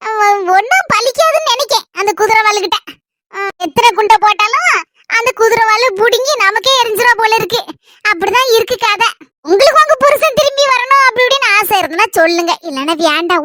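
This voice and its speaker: A woman's voice: extremely high pitch, brisk, noisy background. Woman playing a gossipy, scheming village sister-in-law. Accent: Kanyakumari Tamil. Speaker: skit actress. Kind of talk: village comedy skit acting.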